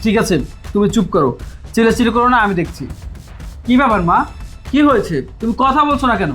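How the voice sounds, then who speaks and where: A man's voice: very high-pitched, sharp tone, exaggerated voice. A man playing a young husband who soothes his wife and then impatiently presses his mother, with a Bangladeshi Bengali accent. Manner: placating, impatient.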